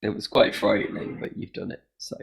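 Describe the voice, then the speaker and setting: A man narrating a tabletop game as game master, in a halting, conversational way.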